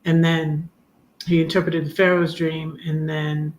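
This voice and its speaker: Rambling woman in her fifties, slow talker. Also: sits low, level tone, slight background noise. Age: 50s. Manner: rambling, many ums, sings hymn lines slowly. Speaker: live stream host. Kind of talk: casual live chat.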